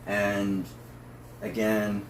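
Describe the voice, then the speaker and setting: A man's voice: on the low side, monotone, extremely slow, over a noisy crowd. A man who is a drag performer, talking casually through notes in a discussion. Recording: roomy, distant mic with faint noise.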